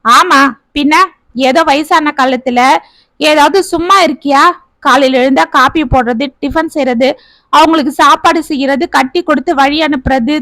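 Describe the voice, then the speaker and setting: A woman's voice: high-pitched, a bit bright, no room sound. A woman voicing a grumpy retired older man who grumbles and complains, in a family story. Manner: sulking, complaining.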